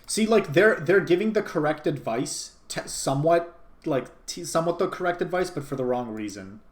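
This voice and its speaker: A man's voice: fairly high pitch, expressive, moderate pace. A man hosting a stream, commenting casually and analytically on a clip, swearing often and rambling. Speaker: streamer host.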